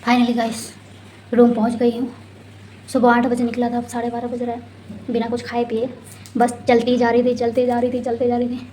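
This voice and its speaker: A woman's voice: on the high side, completely flat delivery, normal speed, warm tone, slight background noise, rough recording. Young woman, numb-mouthed vlog chatter. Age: young adult. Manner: chatty, rambling, exasperated asides. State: slightly slurred speech from dental anesthesia. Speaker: vlogger. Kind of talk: casual vlog chat. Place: hostel room.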